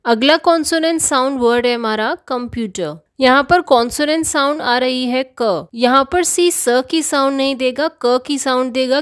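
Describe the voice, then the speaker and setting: A woman with a slightly high voice narrates a grammar lesson in a measured, scripted way. She slows down deliberately on each English example sentence. The recording is close and dry, with no room echo.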